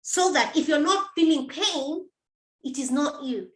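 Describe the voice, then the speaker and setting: In an echoey room, a middle-aged woman hosting as a menopause coach delivers a live, motivational address to her viewers. Her high voice is animated yet slow and deliberate as she speaks straight to listeners, encouraging them and repeating key phrases.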